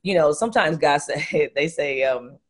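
A woman's voice: sits low, normal speed, husky. A young woman, a worship singer, talking earnestly as a guest in a faith interview, laughing often between thoughts. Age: young adult. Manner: earnest, laughs often, many restarts and fillers.

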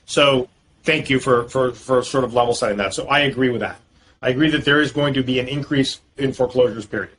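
A male real estate lawyer from Boston talks as a podcast guest in a mid-range, slightly bright voice with a steady tone and a brisk pace. Slight noise sits in the background. Fluent and long-winded, he delivers extended explanations with frequent fillers.

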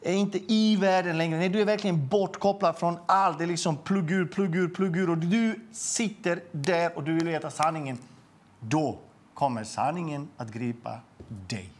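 A middle-aged man, his pitch slightly raised, gives a personal religious testimony as a guest. He speaks earnestly and with emotion, frequently tripping over repeated words and restarting his sentences.

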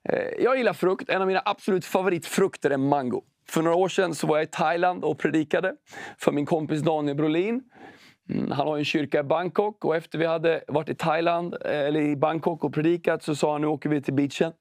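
Male preacher, casual storytelling sermon; high voice with a gravelly edge, close and dry. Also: no room sound. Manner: conversational, storytelling, slow and emphatic when reading scripture. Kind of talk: sermon with prayer and personal story.

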